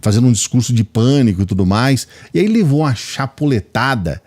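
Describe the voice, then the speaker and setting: A man's voice: mid-range voice, animated, a little fast, a little mellow. A Brazilian man hosting a channel, giving casual, opinionated political commentary straight to his viewers in colloquial speech. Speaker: political video channel host.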